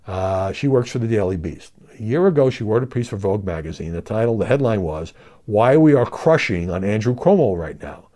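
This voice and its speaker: Animated, mellow-voiced male news commentator. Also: on the low side, a little fast. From Brooklyn, New York. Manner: animated, emphatic, conversational. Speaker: news media commentator and show host.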